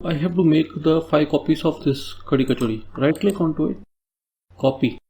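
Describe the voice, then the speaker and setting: Speaking at a moderate pace in a warm, somewhat high voice, a man with an Indian English accent teaches coding in a screen recording. He goes step by step and uses tag questions to check in with the viewer.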